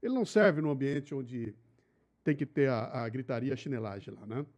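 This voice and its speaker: A man hosting a live interview, lively and informal, bantering with slang. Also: medium pitch, moderate pace. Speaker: host.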